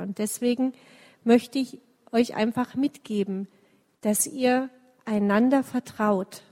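A woman telling a children's story in church, lively and speaking directly to the kids. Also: a little high, big-room sound.

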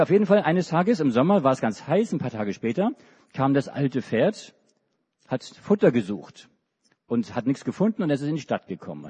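A middle-aged preacher from Hamburg, Germany tells a children's story during a church service, with many restarts and hesitations. His voice is medium-pitched, darkish and edged with breathiness, captured in a dull recording in a reverberant hall.

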